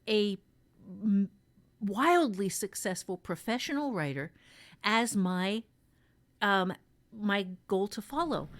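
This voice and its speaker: A podcast host offers casual, conversational writing advice in a fairly high-pitched voice. She's emphatic and repeats words to stress her points.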